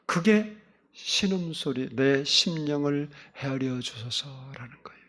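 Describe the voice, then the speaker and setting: A male pastor preaching a sermon, swinging between loud emphatic exclamations and soft, hushed asides. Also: mid-range voice, measured pace.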